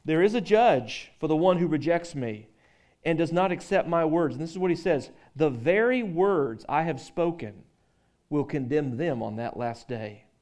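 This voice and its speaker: A male pastor delivers a sermon in a loose, conversational way, joking with the people in front of him. His voice sits a little high for a man. He also reads scripture aloud. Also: lively intonation, normal speed, darkish tone. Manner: conversational, joking with the congregation, frequent restarts.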